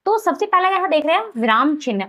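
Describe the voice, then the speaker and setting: A woman with a fairly high voice teaches a grammar lesson, and she speaks with a Hindi accent. She repeats each point and poses questions that she then answers herself. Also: sing-song, fast talker, pushed and bright.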